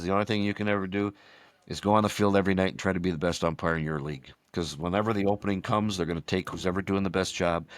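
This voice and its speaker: A man's voice: deep voice, no echo. A man in his sixties, a retired baseball umpire, telling long rambling stories as a podcast guest and acting out what others said. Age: 60s. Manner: rambling anecdotal storyteller, acts out quotes. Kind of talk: storytelling in a casual podcast chat.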